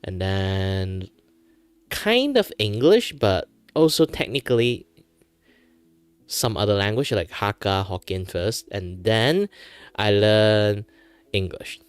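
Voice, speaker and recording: Slow and very animated, with long pauses, this man's fairly low, smooth voice is captured in a dry recording. He's a Malaysian streamer in his thirties, Chinese being his first language, and an aspiring voice actor who chats on a drawing stream full of fillers and laughter.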